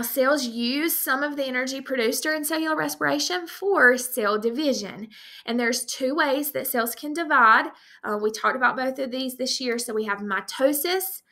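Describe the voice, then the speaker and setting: Bright upbeat woman teaching. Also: on the high side. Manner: upbeat, explanatory, talks straight to students. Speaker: science teacher. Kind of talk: recorded review lesson.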